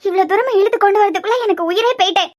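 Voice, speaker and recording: A woman's voice: very high-pitched, very fast, dry recording, clean studio sound. A woman voicing a protective, secretive young woman in a cartoon with a Kanyakumari Tamil accent, speaking in a coaxing, earnest way.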